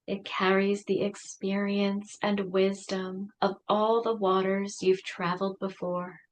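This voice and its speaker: A woman leading a guided meditation, speaking softly and soothingly with long pauses. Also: mid-range voice, little pitch movement, slight background noise, poor audio.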